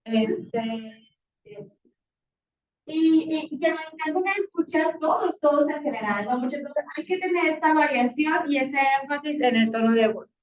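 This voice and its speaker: A woman teacher, slightly hoarse, lecturing a class in a chatty, animated way with many fillers. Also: high-pitched, normal speed. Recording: roomy, distant, dull classroom recording.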